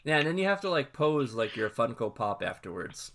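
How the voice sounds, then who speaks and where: A man co-hosting a casual podcast, telling stories excitably and enthusiastically, with quick restarts. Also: mid-range voice. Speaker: podcast co-host.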